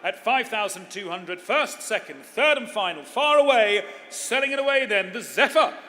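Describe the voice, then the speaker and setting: A man's voice: high voice, animated, moderate pace, pushed and bright. A man working as an auctioneer, calling live bids in a repetitive chant of numbers. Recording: echoey hall with long reverb.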